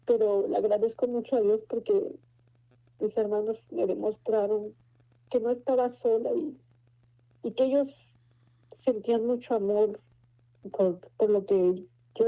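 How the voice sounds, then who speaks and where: A woman's voice: mid-range voice, steady tone, normal speed. A Mexican woman in her forties giving a personal faith testimony, telling her story in an earnest, meandering way. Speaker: testimony speaker. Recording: muffled lo-fi recording.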